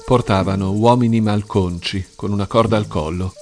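A man reading a dramatic audiobook in an expressive, tense storytelling manner. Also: lowish voice, moderate pace. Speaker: narrator. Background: music.

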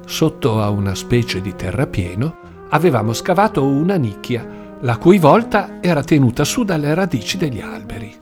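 A man narrates a first-person story at an even, storytelling pace. His voice sits in an ordinary middle register. Gentle guitar music plays clearly underneath. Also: medium pitch, normal speed. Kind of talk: audiobook narration. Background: soft guitar music.

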